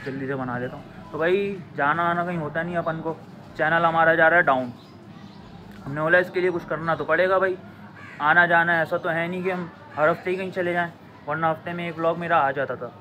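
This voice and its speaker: Young male vlogger, slow and halting, slightly high voice, noisy outdoor phone recording. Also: fairly even intonation, pushed and bright. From Pakistan. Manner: slow, drawn-out talk that stumbles over words. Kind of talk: casual vlog talk to camera. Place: outdoors on a home rooftop.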